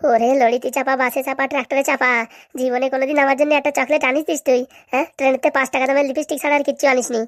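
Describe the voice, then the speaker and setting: A woman's voice: sits high, little pitch movement, very fast, no room sound, clean studio sound, lightly acted. Woman voicing a bitter, quarrelsome young woman. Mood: ranting. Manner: loud cursing rants. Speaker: cartoon voice actor. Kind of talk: comic cartoon dialogue.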